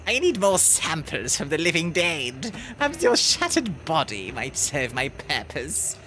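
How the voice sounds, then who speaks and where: A woman reading out the lines of a cold scholar of undeath from a video game, in a slow, measured way. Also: low-pitched, sing-song, a bit bright, slight background noise, full character voice. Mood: ominous. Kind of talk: reading game dialogue aloud. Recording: game music behind the voice.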